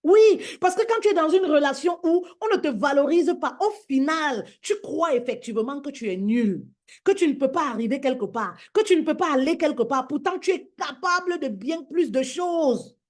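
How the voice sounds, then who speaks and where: High-voiced woman preaching with fervor. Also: lively intonation, moderate pace, a little mellow. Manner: emphatic, repetitive, addressing listeners as "my queen". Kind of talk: preaching to women on social media live.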